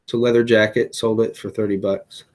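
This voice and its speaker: A man's voice: on the low side, level tone, a little fast, darkish tone. Tired guy going over stuff he sold online, rambly, lots of um and uh, late night vlog. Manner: chatty, many fillers and self-corrections. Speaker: eBay reseller vlogger. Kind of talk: casual vlog walkthrough of sold items.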